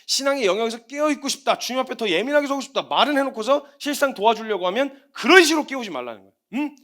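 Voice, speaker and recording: Lively, quick-talking male preacher. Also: extremely high pitch. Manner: animated, acts out everyday scenes. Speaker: missionary preacher. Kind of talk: sermon.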